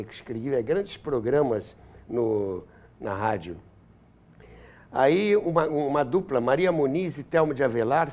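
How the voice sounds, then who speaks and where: An older man with a Brazilian accent, a historian and author, reminisces as an interview guest and searches for words now and then. His voice is fairly high and a little mellow.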